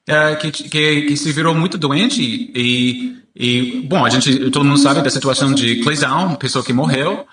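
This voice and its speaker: A man with an American English accent in Portuguese, a native English speaker, answering in an interview and haltingly searching for words. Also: a little high, fairly bright tone. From United States. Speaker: journalist being interviewed. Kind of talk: spoken interview. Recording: echoey room.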